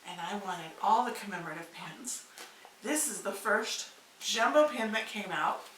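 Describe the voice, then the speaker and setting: In a casual home vlog, a woman in her fifties gushes playfully while showing off her collectibles. Her medium-pitched voice is expressive and fairly bright at a moderate pace, recorded in an echoey room with a distant mic and slight background noise.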